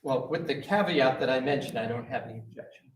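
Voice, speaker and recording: Man cross-examining, hesitant with many fillers, courtroom recording, echoey and far from the mic. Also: mid-range voice. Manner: halting, full of uhs and self-corrections. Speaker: attorney questioning a witness. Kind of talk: courtroom questioning. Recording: echoey courtroom audio from a distant mic with faint noise.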